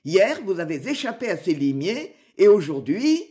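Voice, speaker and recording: A woman's voice: medium pitch, sing-song, moderate pace, warm tone, lightly acted. A woman reading aloud voices a fierce, mocking male outlaw who boasts and threatens. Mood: boastful.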